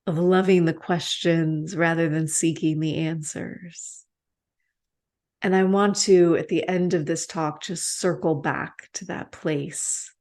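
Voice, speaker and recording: A woman meditation teacher giving a reflective talk, gentle and unhurried, with soft pauses. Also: fairly low pitch. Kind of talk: slow reflective dharma talk.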